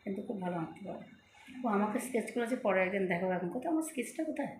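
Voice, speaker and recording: A middle-aged woman vlogging at home into her phone. She speaks with a soft, slightly lisping, childlike manner and takes her time over words to say them clearly. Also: mid-range voice, lively intonation, racing, echoey room, a little hiss or hum. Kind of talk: casual chat to viewers. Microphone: phone camera.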